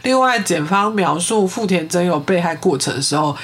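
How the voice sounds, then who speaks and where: A man's voice: high voice, lively intonation, moderate pace, fairly bright tone, husky. A man, hosting a podcast and telling a true-crime story in a casual, chatty way. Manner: recounts a case, with filler-heavy chat. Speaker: podcast host.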